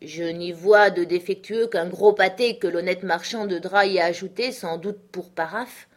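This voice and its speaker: A woman's voice: fairly low pitch, moderate pace, close to an everyday voice. A woman voicing a matter-of-fact male clerk in an audiobook, dry and wry.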